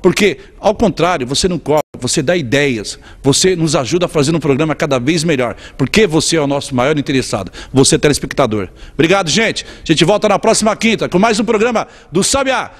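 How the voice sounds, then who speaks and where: A man hosting a community TV program, interviewing a guest and signing off in a lively presenter manner. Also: a little high, a little fast, few pauses, long reverb tail. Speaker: TV show host. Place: community TV studio.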